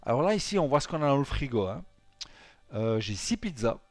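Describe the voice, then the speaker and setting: A man's voice: mid-range voice, very animated, a little fast, dry recording, soft background music. A man with a Swiss French accent giving loose, rambling gameplay commentary, full of fillers and little tag words. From Switzerland. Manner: rambling, filler-heavy, tags lines with "hein". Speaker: let's play gamer.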